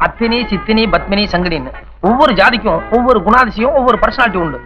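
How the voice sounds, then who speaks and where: A man's voice: sits high, expressive, fast talker, muffled recording, over music. An actor playing a pompous young bachelor who boastfully lectures his friends, in a comic film scene. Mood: smug. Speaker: bachelor hero Madan.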